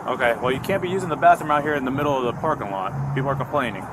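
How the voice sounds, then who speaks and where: A sheriff's deputy questions a woman in a parking lot in a calm, even, reassuring way, recorded on a body camera. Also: mid-range voice, racing. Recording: noisy outdoor bodycam audio.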